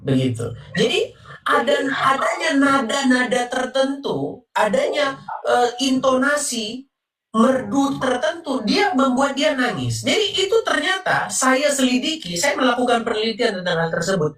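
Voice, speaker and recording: A woman explains at length with calm assurance, her pitch moving lively and a little high. Her voice is caught from a distance, in an echoing room. She often closes a thought with a dropped, low "begitu". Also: measured pace. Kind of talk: religious debate talk. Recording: echoey, distant from mic.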